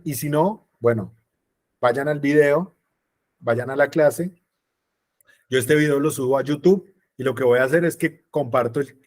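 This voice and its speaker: A man teaching an online class, talking casually and often checking in with questions to his students. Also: medium pitch. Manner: chatty, checks in with frequent rhetorical questions. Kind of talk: online class explaining circuits.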